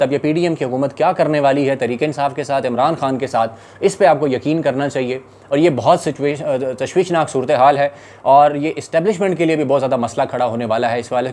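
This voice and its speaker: Pakistani urdu accent guy ranting fast about politics, urgent, mid pitch. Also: darkish tone. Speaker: political commentator.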